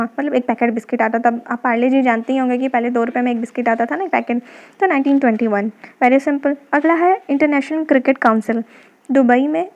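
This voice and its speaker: A high-pitched woman teaches an exam-prep lesson, walking through memory tricks step by step. She keeps asking questions and answering them herself. The recording sounds dull and lo-fi. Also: a little mellow.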